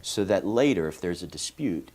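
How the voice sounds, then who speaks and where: A man's voice: deep voice, expressive, normal speed, darkish tone, husky. A man from Venezuela, a lawyer answering interview questions in a folksy, explanatory way with many fillers. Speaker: lawyer, guest. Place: TV studio.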